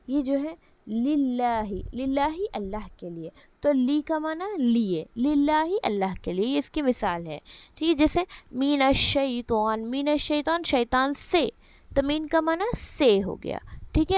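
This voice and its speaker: Higher-voiced woman teaching Arabic grammar. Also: smooth, no room sound, muffled recording. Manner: explains step by step, asks and answers own questions; repeats "ठीक है" as a check-in. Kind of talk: online Quran Arabic lesson.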